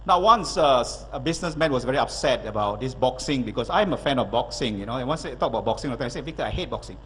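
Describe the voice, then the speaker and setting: A man's voice: medium pitch, animated, quick pace, a bit bright, in a large hall, a little hiss or hum. A middle-aged man giving an emphatic motivational speech to an audience, full of rhetorical questions. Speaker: motivational speaker and consultant. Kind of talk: public speech.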